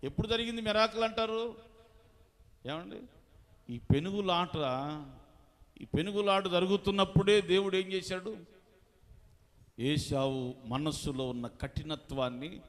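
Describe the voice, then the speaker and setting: A male pastor preaching a fasting prayer sermon. He swings from soft asides to loud proclaiming and calls on the congregation for hallelujahs and clapping. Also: sits high, steady tone. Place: church hall. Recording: long church hall reverb.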